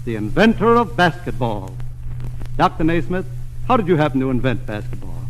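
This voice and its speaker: A man's voice: medium pitch, sing-song, normal speed. A man hosting a radio show with a formal, scripted announcer delivery, heard on a 1939 broadcast recording. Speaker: radio host. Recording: reverberant old radio studio with music.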